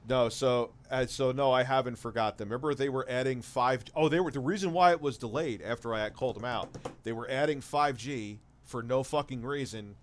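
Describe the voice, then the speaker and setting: Crude, ranting man in his forties. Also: mid-range voice. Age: 40s. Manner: swears a lot, animated rants. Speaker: livestream host reading viewer messages. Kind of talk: casual crude chat.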